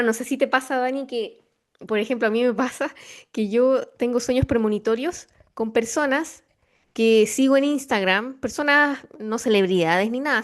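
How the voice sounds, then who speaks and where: A woman with a Chilean accent hosting a casual spiritual podcast conversation, reflective and full of fillers and restarts. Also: a little high. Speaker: podcast host.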